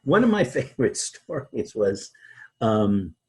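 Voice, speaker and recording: A man being interviewed as a guest, talking in a halting way with many restarts and repeated words. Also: lowish voice, big pitch swings, slightly rough. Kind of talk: conversational interview.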